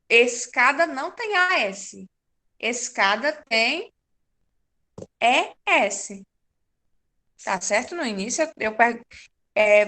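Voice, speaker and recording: A woman teacher, giving a patient, slow-paced class to young children and confirming their answers. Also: on the high side, bright, forceful tone. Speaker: primary school teacher.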